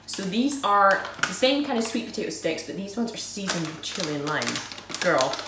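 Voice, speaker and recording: A woman's voice: medium pitch, very animated, a little fast. A woman chatting casually as she unboxes and tastes snacks, self-deprecating and giggly. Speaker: food vlogger. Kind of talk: casual unboxing and tasting review. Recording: roomy echo, mic at a distance, faint noise.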